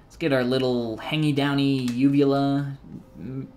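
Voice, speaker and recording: A man's voice: mid-range voice, level tone, unhurried, darkish tone, a little hiss or hum. A man in his thirties, talking casually and joking while he teaches 3D sculpting on a live stream, reading chat messages aloud between steps.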